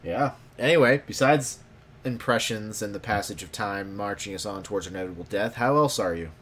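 A man's voice: lowish voice, brisk, fairly bright tone. A man co-hosting a podcast, chatting casually, joking and laughing often with loose restarts. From Idaho, USA. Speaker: podcast co-host. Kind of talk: casual chat.

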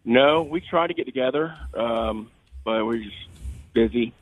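A man calling in by phone from a trade show, talking about products with lots of pauses and fillers. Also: mid-range voice, no echo. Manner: halting, many fillers. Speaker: caller from a hunting gear company. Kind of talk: casual phone interview. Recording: tinny phone line.

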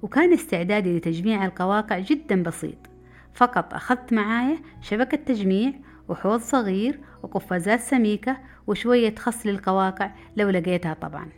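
Middle-aged woman, quick memoir narration over faint music. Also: mid-range voice. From Saudi Arabia. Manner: brisk, lively narration. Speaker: storyteller. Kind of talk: personal memoir storytelling. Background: faint background music.

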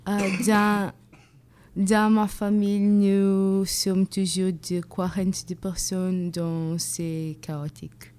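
Portuguese woman, 20s, non-native French, slow, flat, mellow, halting radio guest. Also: medium pitch, a little hiss or hum.

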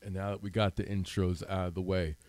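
A man's voice: low voice, flat delivery, fairly quick, a little mellow, no room sound. Tired man with a lax voice, dry sound. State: getting over a cold. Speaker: podcast co-host. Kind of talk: casual group podcast banter.

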